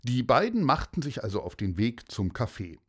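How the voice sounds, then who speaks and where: A man narrating a children's audiobook in a gentle storytelling manner. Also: mid-range voice, very animated, normal speed, husky.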